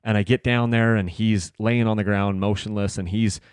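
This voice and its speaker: A man hosting a podcast, telling a personal story casually and earnestly, dropping soft and low in tense moments. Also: steady tone, normal speed, clear, resonant tone, no echo. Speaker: podcast host.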